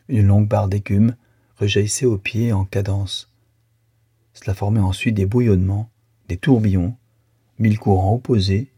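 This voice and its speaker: Male audiobook narrator: very deep, dark, husky, measured literary reading. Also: dry recording, studio quality.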